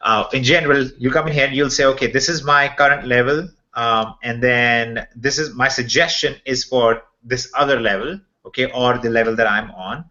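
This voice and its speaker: Male host on a video call, bright and punchy, casual screen-share walkthrough, muffled audio. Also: medium pitch, steady tone, normal speed, few pauses. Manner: talks through a shared screen, loose and chatty. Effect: heard over a video call. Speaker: host presenting member updates.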